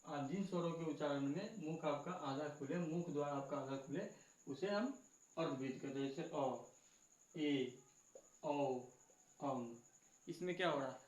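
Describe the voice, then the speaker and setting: A man's voice: fairly high pitch, fairly quick. A man teaching a grammar lesson, asking the class questions and answering them himself, going back over each point. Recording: echoey room, dull lo-fi sound.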